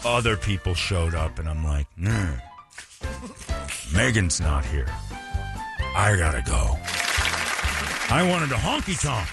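A man's voice: low-pitched, very animated, takes it slowly, vocal fry, long pauses, heavily acted. A man playing a pompous, giggly, self-important boss in comedic radio banter. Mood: smug. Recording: music and crowd noise behind.

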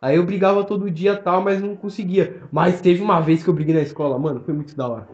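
A young man with a Brazilian accent, telling stories in fast, slangy casual podcast chat full of fillers. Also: high-pitched, a little mellow. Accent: Brazilian Portuguese. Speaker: podcast co-host. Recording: roomy, dull lo-fi sound.

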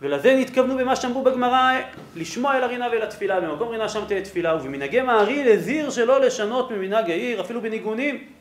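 A rabbi delivers a lesson on religious law in a fairly high voice for a man. He explains patiently, walks through his sources and keeps asking his listeners whether they follow. The room around him is echoey. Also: expressive, few pauses. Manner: explanatory, checks in with rhetorical "right?". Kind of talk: Torah lesson. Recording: roomy echo.

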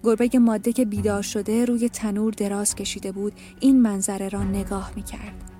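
A woman narrating an audiobook, reading a novel in an even, measured, subdued way over soft music. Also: medium pitch.

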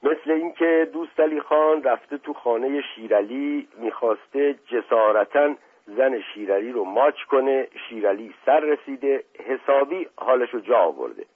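A man voicing a frantic older male servant who shouts out of breath, in a husky voice on a phone-like recording. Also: medium pitch, animated, voice pushed up. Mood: urgent.

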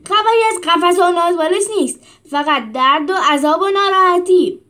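A woman's voice: extremely high pitch, voice pushed up. A woman voicing a harsh, bossy gladiator trainer animal who barks threats. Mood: barking. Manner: barking, shouting threats.

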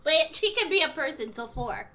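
A woman's voice: high voice, expressive, normal speed, bright, forceful tone. A woman playing a tabletop role-playing game in character, with a playful, whiny, dramatic drunken manner. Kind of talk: casual in-character table play.

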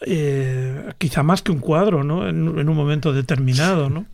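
A man's voice: fairly high pitch, normal speed, gravelly, a little mellow. A man, an artist and guest on a radio panel, speaking reflectively and often ending with tag questions.

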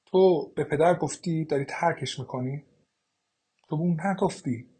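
A man's voice: a little high, mellow, breathy edge. A man voicing a shaken young daughter. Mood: accusing. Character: shocked young woman, a daughter.

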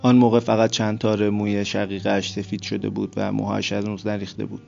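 Male narrator, low and gravelly, flat steady read, dull lo-fi sound. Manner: steady, flat storytelling delivery. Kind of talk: scripted literary narration. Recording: dull lo-fi recording with soft music.

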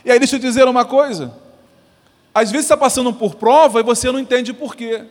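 High-voiced preacher. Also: male voice, brisk. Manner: animated preaching, acts out voices. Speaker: pastor. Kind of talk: sermon. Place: church sanctuary. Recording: long church reverb.

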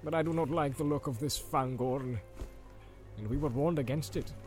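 A man voicing a gruff, grumbling male dwarf warrior in a storybook reading, blunt and wary, half joking. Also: mid-range voice, moderate pace, a little mellow, faint music behind, lightly acted. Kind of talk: audiobook reading.

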